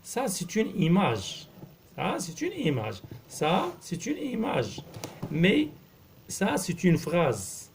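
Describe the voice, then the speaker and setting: A man, a primary school teacher slowly explaining a lesson, repeating words and spelling out letters. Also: high-pitched, huge pitch swings, creaky, a little hiss or hum. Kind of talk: slow classroom explanation.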